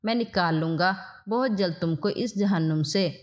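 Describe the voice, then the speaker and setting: A woman voicing a kind young male lawyer in a spoken story, with gentle, reassuring lines. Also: lowish voice, natural voice. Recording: dull lo-fi audio.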